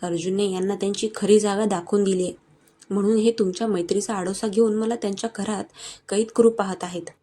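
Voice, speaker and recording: A woman's voice: mid-range voice, steady tone, fairly quick, dark tone, faint music behind, natural voice. A woman voicing a fierce, defiant young woman in a read-aloud romance story, with a cutting delivery.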